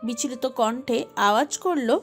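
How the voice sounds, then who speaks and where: A woman narrating a romantic audio story with expressive, emotive delivery. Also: fairly high pitch, a little slow.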